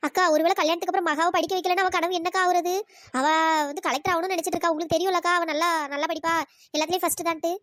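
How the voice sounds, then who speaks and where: A woman voicing a chatty, loyal young village woman in a cartoon, talking in fast coaxing, pleading bursts. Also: very high-pitched, fairly even intonation, fairly bright tone, no room sound, clean studio sound. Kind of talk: cartoon voice acting.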